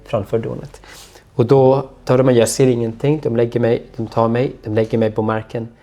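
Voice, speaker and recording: A man speaking in a halting, low voice, a guest recounting his own past in an interview. His sentences often trail off into near silence. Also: little pitch movement, warm tone. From Syria. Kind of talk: personal storytelling interview.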